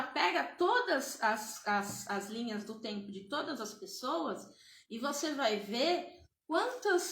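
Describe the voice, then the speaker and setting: A woman's voice: a little high, a bit bright, echoey room, a little hiss or hum. A woman evangelist giving a church testimony, hesitant and full of fillers and restarts.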